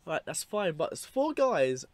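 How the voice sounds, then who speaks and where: Narrating a compilation of film clips, a man offers casual, unscripted commentary that rambles in a matter-of-fact way with dry asides. His voice sits on the high side with big pitch swings, he speaks a little slowly, and the recording is dry.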